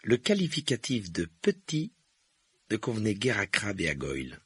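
A man's voice: lowish voice, huge pitch swings, normal speed, breathy edge, no room sound. A man narrating a story expressively, doing the characters' voices. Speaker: audiobook reader.

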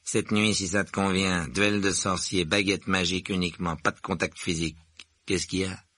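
A man's voice: low voice, steady tone, moderate pace, pushed and bright, no echo. A man voicing a sneering schoolboy bully who taunts.

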